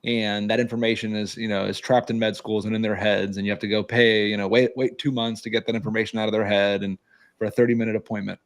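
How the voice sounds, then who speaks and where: A man co-hosting a casual livestream chat, enthusiastic and quick to laugh. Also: on the low side, level tone. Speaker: co-host.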